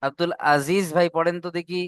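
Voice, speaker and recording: Clear-voiced male Arabic reading teacher. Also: high-pitched, steady tone, no echo, clean studio sound. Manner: patient, drills syllables slowly and repeats. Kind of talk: online class instruction.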